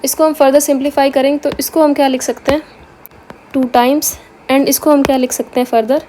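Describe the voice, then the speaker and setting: A woman with a high-pitched voice teaches biology in a lecture, mixing in terms. She keeps asking rhetorical questions and answering them herself. A faint hiss sits under the recording. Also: fairly even intonation, brisk, warm tone. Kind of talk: explanatory lecture.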